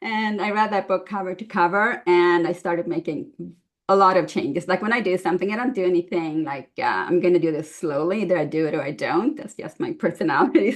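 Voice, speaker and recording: A woman in her fifties from Sweden, telling her story casually as a podcast guest, with frequent laughs. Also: lowish voice. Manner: chatty, laughs often, many fillers. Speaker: guest nutritionist.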